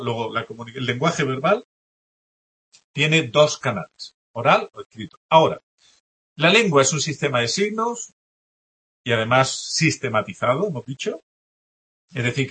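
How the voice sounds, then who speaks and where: A man's voice: medium pitch, fairly bright tone, slightly rough. A man teaching a language class, explaining test answers and often checking in with students. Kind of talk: classroom lecture going over test answers.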